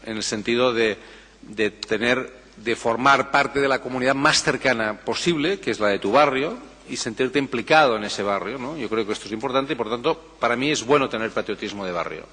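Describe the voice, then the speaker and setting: A man's voice: medium pitch, a little fast, bright, forceful tone, husky. A political science professor answering an audience question at a conference. He thinks aloud and keeps tagging his phrases with a questioning "no?", often restarting a sentence midway. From Catalonia, Spain. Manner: thoughtful, tags phrases with "¿no?", frequent restarts. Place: conference hall. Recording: reverberant conference hall.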